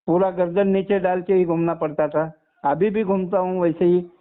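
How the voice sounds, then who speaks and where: A sixty-one-year-old former soldier from Maharashtra, India, calls in to share a personal account, deferentially calling the listener sir again and again. His high voice holds a steady tone at a moderate pace and sounds clean, though the narrowband phone line is tinny.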